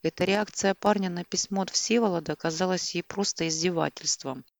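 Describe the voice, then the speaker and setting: Low-voiced woman reading a story. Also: fairly quick, creaky, dry recording. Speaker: audiobook reader. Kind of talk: scripted narration.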